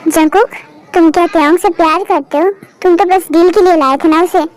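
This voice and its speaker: A woman voicing a calm young man who probes and gives advice in an amateur fan dub, measured in manner. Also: extremely high pitch, no echo. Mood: probing. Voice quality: measured, advising. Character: calm older male friend, probing.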